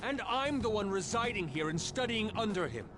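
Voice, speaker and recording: Proud, theatrical young anime rival. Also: male voice, high-pitched, very animated, moderate pace. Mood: indignant, defiant. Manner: formal, theatrical, indignant anime-rival delivery. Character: proud young male art student, fiercely loyal to his teacher. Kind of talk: English video game voice acting. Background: game music.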